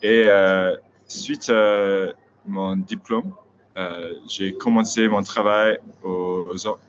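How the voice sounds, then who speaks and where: A man's voice: deep voice, fairly even intonation, drawn-out words. An Australian man, a native English speaker, giving a prepared lecture in hesitant French with a foreign accent. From Australia, Sydney. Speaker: veterinary specialist, conference speaker. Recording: dull lo-fi web audio, faint noise.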